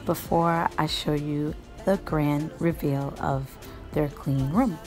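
A woman, a mother of four, narrating a home cleaning vlog in a relaxed, matter-of-fact voice-over. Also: low voice, slow. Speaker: vlogger, mother. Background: faint music.

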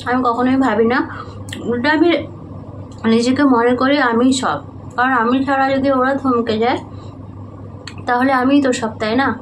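A young woman from Medinipur chatting softly in a casual home vlog, sleepy and sweaty in the heat. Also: sits high, fairly even intonation, moderate pace, long pauses, slight background noise. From Medinipur, West Bengal, India. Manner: soft, hushed talk so a sleeping child stays asleep. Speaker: vlogger, housewife and mother. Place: small home indoors. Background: background music.

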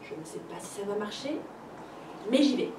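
A woman's voice: mid-range voice, lively intonation, normal speed, background noise, close to an everyday voice. Woman doing a cheeky brave mother rabbit. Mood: daring. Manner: bold teasing calls. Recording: roomy library heard from a distance.

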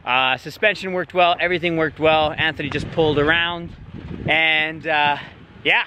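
Bright-voiced laid-back off-road vlogger guy. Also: a little high, steady tone, normal speed, slight background noise. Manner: laid-back, rambling with fillers. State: a little out of breath. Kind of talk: casual outdoor vlog talk. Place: outdoors on a mountain trail.

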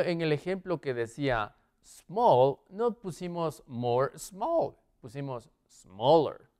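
On the high side and a little mellow, this male teacher's clean-toned voice carries an English classroom lesson. He walks around as he writes on the board, checking in constantly with "¿sí?" and "¿ok?".

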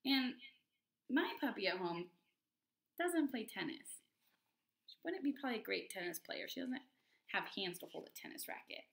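A woman teacher reading a picture book aloud to children, expressive and playful, chatting about the story as she goes. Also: a little high, normal speed, vocal fry, pauses often. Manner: expressive and playful, comments to kids. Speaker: elementary school teacher. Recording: roomy echo.

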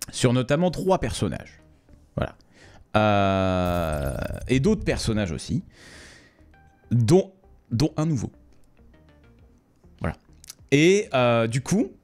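A man streaming live, chatting casually and jokingly with his viewers. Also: medium pitch. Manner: chatty, joking, addresses viewers as ladies and gentlemen.

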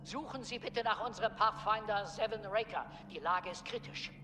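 A man's voice: high-pitched, normal speed, loud music behind the voice. An actor playing a male ship captain whose recorded distress message plays over a comm, urgent and formal. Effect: recorded distress message over a ship's comm. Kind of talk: video game voice acting. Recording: distant, echoey comm playback with noise.

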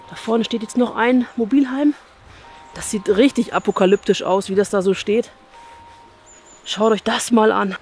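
A German-accented urban explorer in her thirties, speaking in a medium-pitched, darkish voice, walks through an abandoned outdoor campsite. Her commentary is casual and musing, and she often asks viewers whether they agree. She records with an action camera on her chest.

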